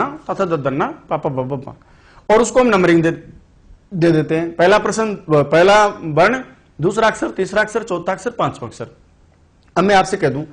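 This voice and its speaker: A man teaching Sanskrit in an online exam-prep class, telling chatty stories, putting questions to the students and explaining slowly and deliberately. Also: sits high.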